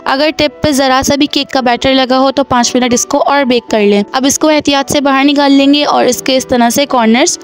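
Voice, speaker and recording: A woman narrates a home baking tutorial. She explains each step in a steady instructional manner. Faint music plays under the voice-over. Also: high-pitched. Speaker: cooking channel host.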